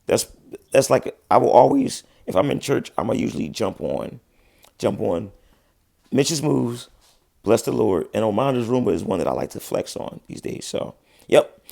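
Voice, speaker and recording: A man in his thirties, a musician hosting a livestream, speaks at a medium pitch and normal speed in a sing-song, creaky voice with a dark tone, captured as clean, echo-free studio sound. He answers viewers in laid-back slang, says he's losing his voice, and his talk is riddled with restarts.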